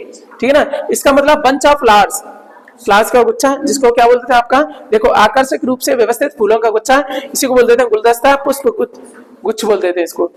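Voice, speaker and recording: High-pitched male teacher, reverberant hall. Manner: repeats words and checks with "ठीक है ना?". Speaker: English vocabulary teacher. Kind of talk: Hindi-English vocabulary lesson.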